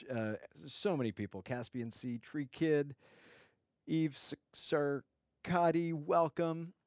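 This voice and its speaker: The recording is dry and studio quality, capturing a man with a medium-pitched voice. He's a livestream host in a casual chat, greeting his viewers by name with warmth while rambling through lots of fillers and restarts.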